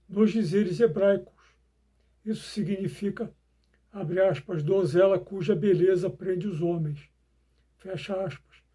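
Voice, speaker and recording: Brazilian guy reading a bible study like dictation, very soft dark tone, kinda husky, short chunks. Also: sits high. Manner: dictating, speaking quote marks aloud in short phrases. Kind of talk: scripted Bible lesson read aloud.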